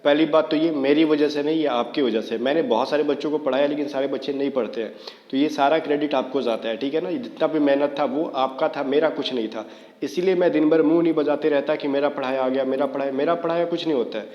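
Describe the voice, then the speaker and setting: A man's voice: fairly high pitch, fast talker, dull audio. A man teaching exam prep in a casual Hindi video lesson, speaking straight to viewers and dropping in fillers. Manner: talks straight to viewers, many fillers like "theek hai". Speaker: online exam coaching teacher. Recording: echoey room with long reverb.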